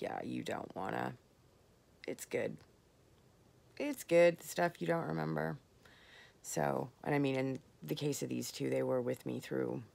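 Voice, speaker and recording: Tired gravelly woman vlogging late. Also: rumbling low. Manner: candid, rambling, with soft pauses. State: tired, slurring words. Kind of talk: late-night personal vlog.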